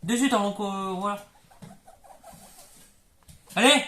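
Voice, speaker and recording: A young man playing a rude, hot-tempered learner driver in an amateur comedy sketch, swearing and quick to yell. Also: high voice, expressive, roomy sound. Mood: irritated.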